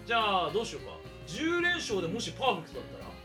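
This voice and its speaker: A man hosting a casual group discussion in a playful, excitable way, often repeating phrases for emphasis. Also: sits high, very fast, over music. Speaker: host leading a planning discussion.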